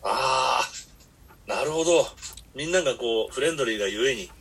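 A man's voice: medium pitch, expressive, normal speed, noisy background. A man hosting a podcast, telling long rambling stories in blunt casual chat. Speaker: podcast host.

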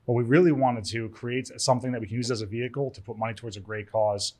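A man from Cyprus talks in a mid-pitched, easygoing voice on a podcast. He rambles, circles back on his words and laughs easily as he explains things. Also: steady tone, fast talker, warm tone. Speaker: event organizer, studio owner. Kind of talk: casual podcast chat.

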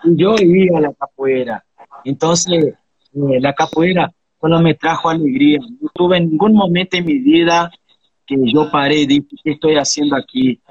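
Husky-voiced man in his thirties, earnest. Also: a little high, moderate pace, muffled recording. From Brazil. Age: 30s. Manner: earnest, reflective, tags lines with questions. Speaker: interviewee, capoeira practitioner. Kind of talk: casual interview conversation.

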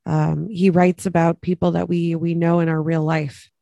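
Gravelly flat-voiced podcast co-host. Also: mid-range voice, no echo, lo-fi sound. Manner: halting, many fillers and repeats. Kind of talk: casual chat.

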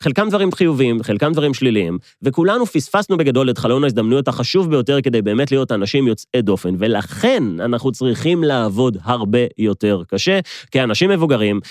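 Israeli man with lively, swinging intonation. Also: medium pitch, no echo, studio quality. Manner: emphatic, addresses listeners directly, rhetorical repetition. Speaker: podcast host. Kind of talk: motivational podcast monologue.

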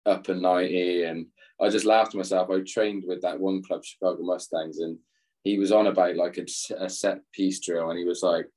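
Speaking in a deep, slightly mellow voice with a level tone and normal speed, this young Englishman is a former footballer. He's a guest in a casual interview, rambling along and cracking self-deprecating laughs.

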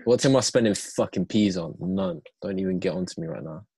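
A man's voice: low voice, a little fast, darkish tone, slightly rough. A young man with a London roadman accent, bantering casually with friends in heavy street slang, teasing and swearing. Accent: London, urban roadman. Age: young adult. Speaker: podcast co-host.

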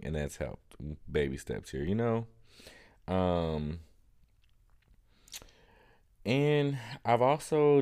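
A man's voice: deep voice, a little mellow. A man talking straight to camera in a casual, reflective vlog, thinking aloud with many ums and restarts. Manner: thoughtful, rambling with fillers and restarts. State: has hiccups. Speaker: vlogger.

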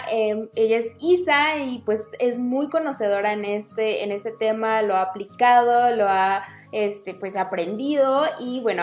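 Woman, podcast co-host, friendly, casual, slightly high voice. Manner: friendly, introduces guest. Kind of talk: casual chat.

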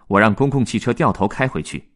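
A man doing a calm, low-voiced duck butler. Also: fast. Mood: soothing. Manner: soothing, steady, low.

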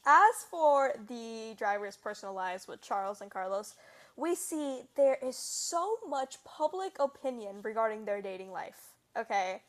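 A young woman with a high, light voice hosts a casual fan podcast. She talks in loose, rambling sentences full of fillers and breaks into laughter easily. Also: expressive, measured pace. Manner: chatty, laughs often, lots of "like". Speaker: podcast host. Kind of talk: casual chat.

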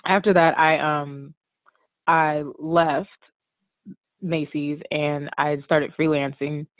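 A woman's voice: sits low, takes it slowly, no room sound. A woman from the Washington DC area, a costume designer guest, chatting casually with lots of "like" and "um". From Washington DC area, USA. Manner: relaxed, chatty, frequent "like" and "um", laughs often. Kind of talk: casual conversational interview. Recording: tinny phone-like line, dry.

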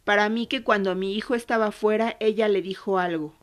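A grieving Argentine mother tells what happened in a low, subdued voice, as a woman reads her part. Her pitch sits in the middle of a woman's range. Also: fairly even intonation, fairly quick, natural voice. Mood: bitter. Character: grieving mother recounting her son's death.

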